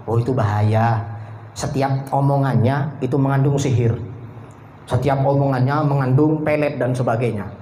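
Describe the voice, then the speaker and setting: A man's voice: medium pitch, fairly even intonation, normal speed, dark tone, slight background noise, lightly acted. A man voicing an old woman who scolds and warns, then turns remorseful, in a preacher's story. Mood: warning. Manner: scolding and warning. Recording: echoey hall.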